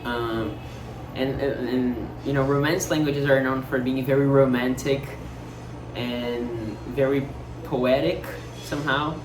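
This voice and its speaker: A young Brazilian vlogger with a Portuguese accent muses slowly in a casual monologue, his mid-range voice fairly even in intonation. His speech is full of fillers, restarts and groping for words. The mic is distant, so the sound is roomy and echoey, with noticeable background noise underneath.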